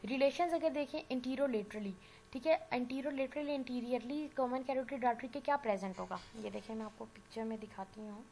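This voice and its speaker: A woman's voice: a little high, fairly quick, gravelly, hardly any pauses, a little mellow, low-quality recording. A woman with a sore throat giving an anatomy lecture, explaining patiently, checking in with her students and mixing in English medical terms. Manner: explanatory, often checks in with "theek hai". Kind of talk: recorded classroom lecture. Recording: faint background noise.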